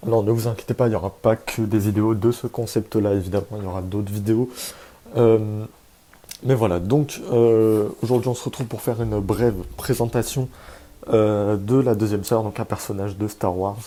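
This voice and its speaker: Low, mellow-voiced man hosting casually. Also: steady tone, moderate pace. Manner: chatty, hesitant with frequent fillers, joking asides. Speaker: YouTube host presenting a game character. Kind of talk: casual video presentation. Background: faint background music.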